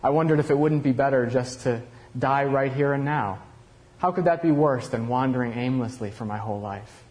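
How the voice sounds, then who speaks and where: A man's voice: medium pitch, moderate pace, a little mellow, lightly acted. A man playing Cain in a first-person dramatic monologue, telling his story in a confessional, reflective way. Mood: regretful. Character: Cain, aging regretful male murderer looking back.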